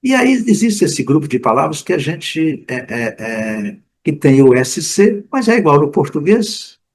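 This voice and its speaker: A man from Brazil giving a casual, unscripted pronunciation lesson, full of fillers and restarts, repeating example words slowly. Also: a little high, very animated, rough recording. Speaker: English teacher.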